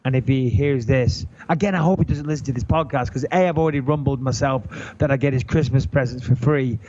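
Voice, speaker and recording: A man's voice: mid-range voice, fast talker, a little mellow. A middle-aged English man with an English accent, chatting casually as a podcast host, joking and swearing. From England. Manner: joking, swearing, restarts sentences. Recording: dull lo-fi audio.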